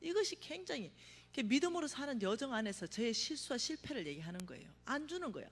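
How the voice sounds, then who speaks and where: A middle-aged woman giving a testimony sermon at a revival meeting, telling her story with vivid acted-out cries and sudden hushed asides. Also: high-pitched, quick pace. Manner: animated storytelling, acts out her own cries, drops to a hush for emphasis. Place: church sanctuary. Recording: reverberant church hall.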